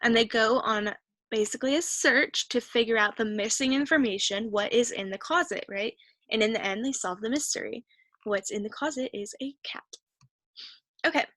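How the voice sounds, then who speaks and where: A woman with a fairly high, slightly bright voice, recorded with no room sound, teaches a reading comprehension lesson. She patiently steps through a worksheet, offering encouragement and voicing her thoughts as she searches the text.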